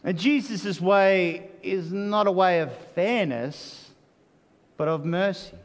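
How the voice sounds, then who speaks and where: A man's voice: sits high, takes it slowly, in a large hall. A man preaching a sermon as pastor, conversational and full of "you know" asides.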